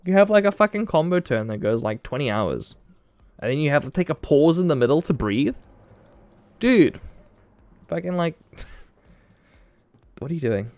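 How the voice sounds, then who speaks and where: A man's voice: on the high side, big pitch swings, moderate pace, pauses often, a little mellow, no echo. A man chatting casually on a live stream, telling loose, profane stories and acting out what people said. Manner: loose, profane storytelling with acted-out quotes.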